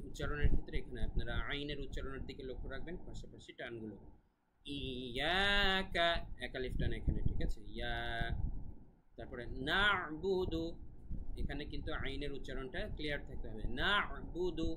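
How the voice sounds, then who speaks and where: A man teaching pronunciation of scripture verses, explaining each sound and then reciting slowly with long drawn-out vowels. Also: medium pitch, steady tone. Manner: scolds a noisy child sharply.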